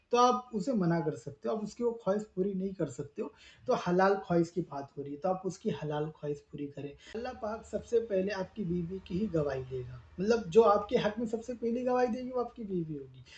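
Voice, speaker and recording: A man's voice: high voice, lively intonation, brisk, a little mellow. Guy answering questions live, earnest, repeats himself a lot, echoey room, muffled sound. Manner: earnest, repeats points, explains step by step. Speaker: religious advice speaker answering viewer questions.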